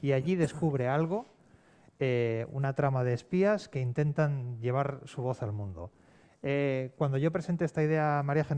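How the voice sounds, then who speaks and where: A fiction scriptwriter from Spain, speaking with a Spanish accent, joins a panel discussion as a guest. His mid-range voice is warm, and he talks discursively, repeating words for emphasis.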